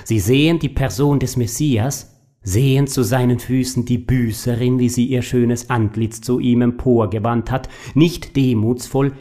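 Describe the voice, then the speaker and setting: A man voicing a sly, suave male secretary who tempts like a devil, in a smooth, coaxing, mocking manner. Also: medium pitch, fairly even intonation, a little slow, mellow, natural voice.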